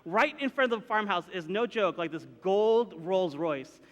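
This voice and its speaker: A young adult man, a pastor, telling a comic story in a chatty, animated way from the pulpit. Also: high-pitched, moderate pace, highs cut off. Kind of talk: storytelling sermon. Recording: reverberant hall.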